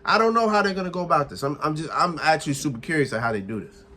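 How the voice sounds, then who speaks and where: A young man recapping a wrestling show in casual chat, excitable and often laughing as he acts out what the wrestlers said. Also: a little high, very fast.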